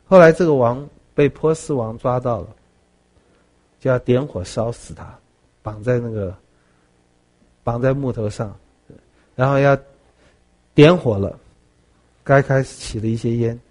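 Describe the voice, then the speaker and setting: A man preaching a sermon, telling stories with animated swings between soft and loud. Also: mid-range voice, measured pace, long pauses. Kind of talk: sermon with storytelling.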